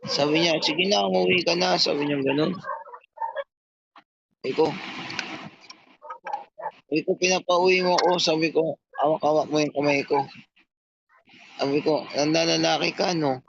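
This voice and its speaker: A man's voice: fairly high pitch, steady tone, normal speed, gravelly, long pauses, lo-fi sound, noisy background. A man telling a long, rambling, profane story in a casual chat, quoting himself and others.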